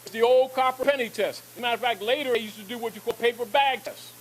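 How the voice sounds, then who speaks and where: A man's voice: extremely high pitch, fast, slight background noise, low-quality recording. A man giving an emphatic lecture to an audience, repeating points and asking rhetorical questions.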